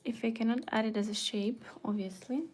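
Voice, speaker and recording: Her voice a little high and steady, a Bulgarian woman talks slightly fast while designing a website on a livestream. Thinking aloud casually, she murmurs half to herself and often drops close to a whisper.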